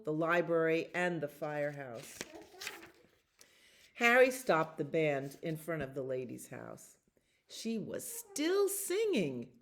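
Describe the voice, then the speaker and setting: In a low voice, a woman reads a children's picture book to the group at library storytime, lingering on repeated words with deliberate, expressive delivery.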